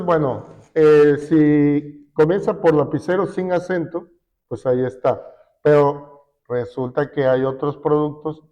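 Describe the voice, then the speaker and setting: A man teaching a class, slowly explaining a spreadsheet step by step with fillers. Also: mid-range voice, warm tone. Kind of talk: classroom software lesson. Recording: dull lo-fi recording.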